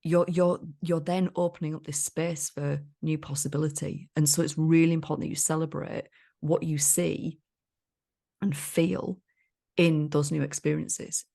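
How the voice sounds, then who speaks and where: A woman's voice: low-pitched, level tone, normal speed, vocal fry, warm tone. A woman co-hosting a podcast, chatting in a jokey, enthusiastic way. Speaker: podcast co-host. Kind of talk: casual chat.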